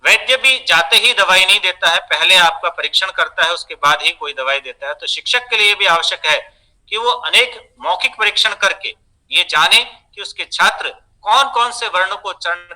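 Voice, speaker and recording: A man giving a measured, explanatory lecture on teaching pronunciation, pausing often. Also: sits high, lively intonation, bright, forceful tone, poor audio. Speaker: teacher trainer.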